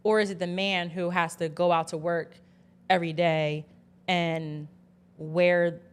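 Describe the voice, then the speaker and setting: A woman co-hosting a casual podcast, talking playfully in quick bursts. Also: lowish voice, level tone, clear, resonant tone. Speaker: podcast co-host. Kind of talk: casual chat.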